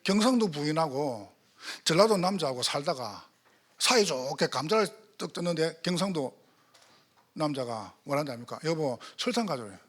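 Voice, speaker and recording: A man's voice: on the high side, animated, normal speed, fairly bright tone. A male pastor with a Gyeongsang accent, preaching a sermon in church and firing rhetorical questions at the congregation. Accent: Gyeongsang Korean. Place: church sanctuary.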